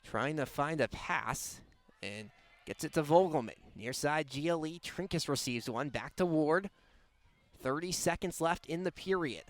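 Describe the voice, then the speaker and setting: On live radio, a young sportscaster gives a clipped, descriptive play-by-play call. His fairly high voice is animated yet measured in pace.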